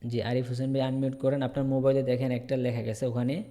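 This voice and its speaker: A man's voice: medium pitch, flat delivery, fast talker, dark tone, in a large hall. A Bangladeshi man teaching English in an online class, repeating each word and answering his own questions. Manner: repetitive drilling, asks and answers himself. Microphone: video call.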